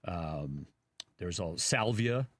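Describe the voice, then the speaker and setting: A man's voice: sits low, animated, slow, fairly bright tone, no echo. A man with a Chicago accent, co-hosting a radio talk show and chatting casually in a rambling way, full of fillers. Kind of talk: casual chat.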